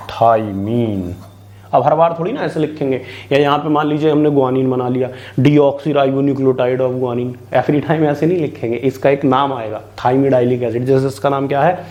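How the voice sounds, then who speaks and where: Male biology tutor from India, mid-pitched, conversational question-and-answer lecture style. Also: warm tone. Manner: chatty, keeps asking and answering his own questions, mixes in English terms. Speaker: biology teacher. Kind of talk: online exam-prep lecture.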